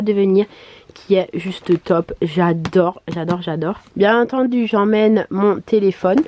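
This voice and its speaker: A woman chatting casually in a vlog, her voice hoarse, congested and duck-like from swollen tonsils, speaking in a chatty, hesitant way. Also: mid-range voice, warm tone. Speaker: vlogger. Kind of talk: casual vlog chat to camera.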